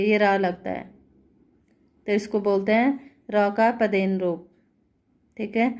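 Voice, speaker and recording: A woman teaching Hindi grammar, explaining patiently and checking understanding with rhetorical questions. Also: fairly high pitch. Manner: patient, repeating words slowly and asking rhetorical checks. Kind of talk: classroom-style explanation.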